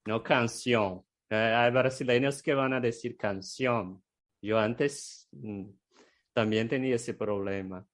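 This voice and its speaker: Slow-talking man, hesitant. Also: medium pitch. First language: Portuguese. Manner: unhurried, hesitant, adds frequent tag questions. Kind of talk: casual explanatory chat.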